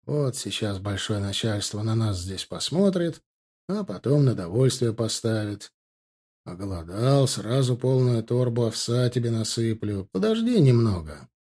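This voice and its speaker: A man voicing a soft-spoken young ensign. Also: medium pitch, very animated, a little slow. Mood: soothing. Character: gentle young male ensign, soothing his horse.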